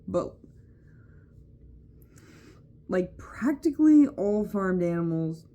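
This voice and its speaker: A woman's voice: mid-range voice, warm tone. A young woman vlogger reading a website's answers aloud and adding blunt, mocking comments, with many fillers.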